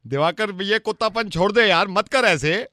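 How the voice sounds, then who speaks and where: A man's voice: sits high, moderate pace, bright, forceful tone, no echo, clean studio sound. A man hosting radio prank calls, playful and mock-offended, pleading with the people he calls. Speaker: radio prank call host.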